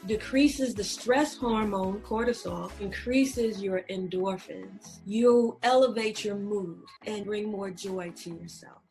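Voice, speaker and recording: A young woman leading a laughter yoga class at an unhurried pace. She chants counts, claps along, and lets out hearty laughs as she shows the exercises. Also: medium pitch, creaky, a little mellow, faint music behind, low-quality recording.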